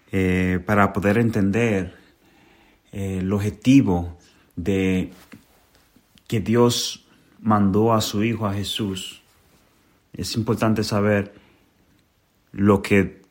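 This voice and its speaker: A man from the Dominican Republic with a Dominican accent, giving a Bible message as guest preacher in deliberate, hesitant phrases. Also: lowish voice, steady tone.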